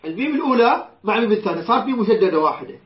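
A woman's voice: mid-range voice, lively intonation, very fast, slight background noise. A woman with an Iraqi accent teaching a Quran class, patiently repeating words and quizzing her students. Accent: Iraqi Arabic. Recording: roomy dull lo-fi recording.

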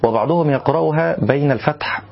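Male tajweed teacher, measured explanation with slow melodic demos, slightly dull recording. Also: a little high, vocal fry. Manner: explains calmly, then demonstrates recitation slowly and melodiously. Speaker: Quran recitation teacher. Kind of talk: tajweed lesson.

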